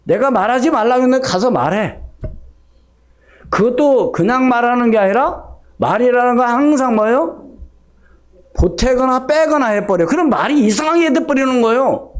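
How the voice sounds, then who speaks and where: A middle-aged male pastor giving a conversational Sunday sermon, acting out snippets of everyday dialogue. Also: very high voice. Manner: conversational preaching, acts out gossipy dialogue.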